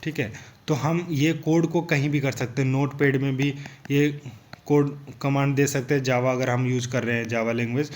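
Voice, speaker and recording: A man's voice: mid-range voice, fairly even intonation, normal speed, darkish tone. A young man explaining programming basics in a casual tutorial, looping back often with "thik hai" and "guys". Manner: repetitive, loose, filler "thik hai" and "guys".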